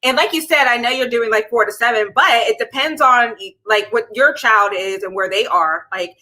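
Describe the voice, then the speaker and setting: A woman's voice: fairly high pitch, moderate pace, sharp tone, rough recording. A woman from Pittsburgh hosting a casual live interview show, bubbly and rambling, laughing often. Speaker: livestream show host.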